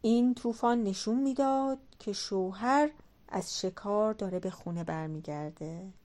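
A woman reading a folk tale aloud as an audiobook narrator, in a measured, dramatic way. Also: a little high. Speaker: audiobook reader. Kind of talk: storytelling narration.

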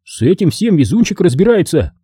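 A man voicing a gruff middle-aged partisan commander who gives curt, commanding orders. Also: high-pitched, big pitch swings, a little fast, warm tone, dry recording, clean studio sound, pitched above the performer's own voice, full character voice.

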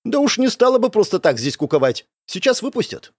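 A man voicing a cheeky, bossy young dark-haired girl in an audiobook, teasing and quick. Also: high voice, big pitch swings, no room sound, clean studio sound, voice pushed up, full character voice. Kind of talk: audiobook character voice.

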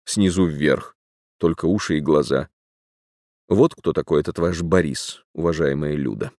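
A frank, gravely earnest man near forty, low and gravelly, confessing with quiet sentiment, voiced by an audiobook narrator. His words sit close and dry. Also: moderate pace, dry recording. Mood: nostalgic. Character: man around 42, frank and wistful.

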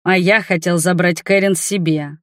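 A woman's voice: lowish voice, steady tone, moderate pace, no room sound, studio quality, close to an everyday voice. A woman voicing a frightened, beaten young nobleman in an audiobook, pleading and pained. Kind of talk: audiobook character voice.

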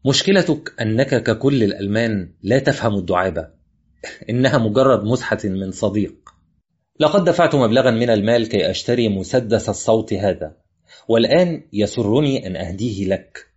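A man's voice: fairly low pitch, fairly quick, slightly rough, pitched above the performer's own voice. A man voicing a cold, menacing Russian agent. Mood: mocking. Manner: calm, threatening, mocking. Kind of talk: audiobook character voice. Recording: muffled with faint music.

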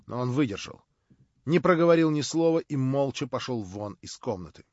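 A man narrating a literary audiobook with dramatic, animated delivery. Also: mid-range voice, moderate pace, no echo, highs cut off. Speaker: audiobook reader.

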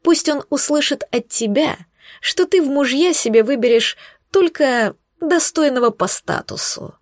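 A woman voicing a scornful, smug young female witch who mocks and threatens in slow, hissing tones, recorded dry and close. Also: high-pitched, dry recording, voice pushed up. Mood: sneering. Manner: mocking, hissing, drawn-out threats.

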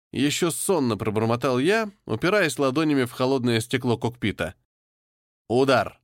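Steady male audiobook narrator. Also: mid-range voice, no echo, clean studio sound. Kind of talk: first-person audiobook narration.

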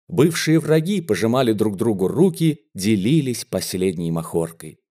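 A man narrating a novel as an audiobook in an expressive, theatrical reading. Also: on the low side, normal speed. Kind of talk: scripted literary narration.

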